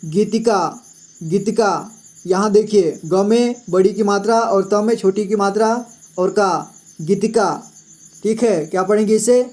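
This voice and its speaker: A man's voice: high voice, a little mellow. A man teaching children to read Hindi words, spelling each word out letter by letter and often saying "ठीक है". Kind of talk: slow, patient reading lesson.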